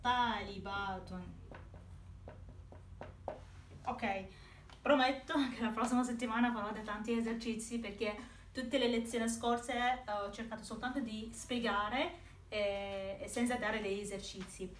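A woman teaching a lesson, saying each word slowly and repeating it, with her own pronunciation. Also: a little high, fairly even intonation, distant mic. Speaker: Arabic teacher. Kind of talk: slow language lesson. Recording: roomy, off-mic, faint hiss.

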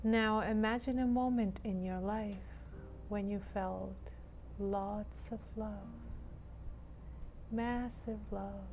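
In a mid-range, steady voice, a woman talks listeners through a meditation with soothing gentleness, pausing at length after each short phrase. A little background noise can be heard.

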